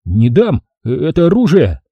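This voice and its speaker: A man voicing a frightened young male conscript in his first battle, shrill with a breaking voice. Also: huge pitch swings, normal speed, husky, dry recording, lo-fi sound, heavily acted. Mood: stubborn.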